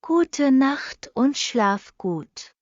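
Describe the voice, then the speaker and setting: A woman reading short practice sentences for a language lesson, saying each one twice, slowly and evenly. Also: sits high, very animated, a little mellow, no echo. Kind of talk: slow repeated phrase reading for learners. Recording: dull lo-fi dry recording.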